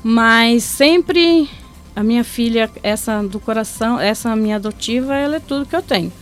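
Heartfelt middle-aged woman, faint music bed. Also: normal speed. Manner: heartfelt, drops soft and low then lifts bright. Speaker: interviewee. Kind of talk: emotional personal storytelling.

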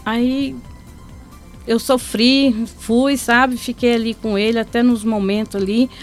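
A woman's voice: fairly even intonation, takes it slowly. Heartfelt middle-aged woman, faint music bed. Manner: heartfelt, drops soft and low then lifts bright. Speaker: interviewee. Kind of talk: emotional personal storytelling.

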